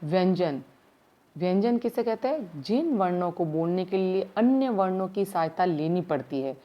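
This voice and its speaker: A woman teaching a primary school grammar lesson. She explains slowly, step by step, and stops to put questions to the class, with words her speech. Her voice sits fairly low, and the recording sounds dull and lo-fi. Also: lively intonation.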